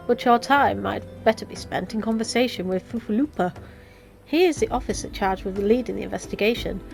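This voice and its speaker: Measured, formal female sleuth for a fantasy game, a woman reading the part, slightly high voice, music underneath. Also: darkish tone. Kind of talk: video game dialogue read aloud.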